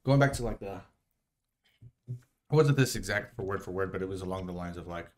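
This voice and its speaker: A young man chats casually as co-host of a podcast. His voice sits a little low, and he speaks into a table mic in a small indoor studio. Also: a little fast, darkish tone. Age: young adult. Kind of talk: casual chat. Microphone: podcast microphone at the table.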